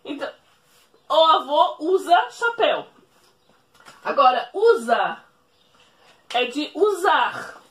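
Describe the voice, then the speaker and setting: Woman teacher, high and animated voice, patient repetitive explaining. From Brazil. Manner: explains slowly, repeats rules, checks with "ok?". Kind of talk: recorded remote classroom lesson.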